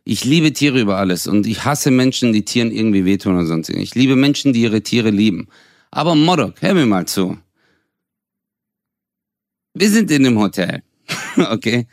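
A young adult man co-hosting a comedy podcast, telling stories in an animated, mocking rant full of slang and laughter. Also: mid-range voice, normal speed, long pauses, dry recording, clean studio sound. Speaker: podcast co-host. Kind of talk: comedic casual storytelling.

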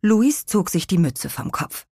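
A woman reading a children's audiobook as narrator, lively storytelling. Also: lowish voice, unhurried, slightly rough, dry recording, clean studio sound. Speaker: audiobook reader.

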